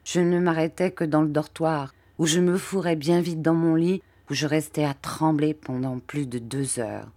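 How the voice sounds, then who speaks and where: A woman reading a classic novel aloud as an audiobook narrator, in a clear, even storytelling manner. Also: low voice, normal speed, hardly any pauses, dry recording. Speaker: audiobook reader.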